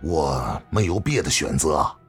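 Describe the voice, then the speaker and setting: A man's voice: rumbling low, expressive, unhurried, soft background music, voice pushed down. A man voicing a polite, restrained young adventurer who speaks respectfully.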